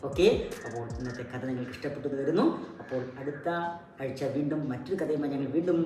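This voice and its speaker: A low-voiced woman, a puppet show host and storyteller, tells a children's story the way a teacher would, asking prompting questions and repeating key words. She speaks quickly with a dark tone. The recording is very echoey, she sounds far from the mic, and music plays behind her.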